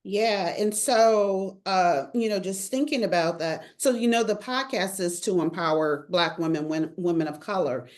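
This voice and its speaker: A woman's voice: on the low side, moderate pace, hardly any pauses. A woman hosting a podcast interview, affirming and chatty, often saying "you know". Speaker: podcast host. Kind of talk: conversational interview.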